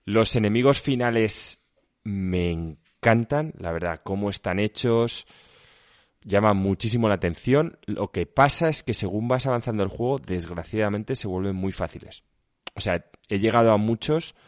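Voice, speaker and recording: A man's voice: lowish voice, normal speed, dry recording, studio quality. A man with an Andalusian accent chatting casually about video games, emphatic and colloquial, swearing now and then. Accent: Andalusian Spanish.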